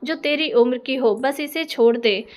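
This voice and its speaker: A woman's voice: sits high, unhurried. A woman reading the lines of a stern middle-aged mother who insists firmly on her demand. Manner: firm, commanding.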